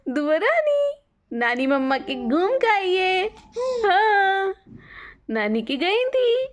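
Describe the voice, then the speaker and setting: Young mom doing baby talk to her twins, high voice, super slow and singsongy. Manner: sing-song, coaxing, repeats pet names.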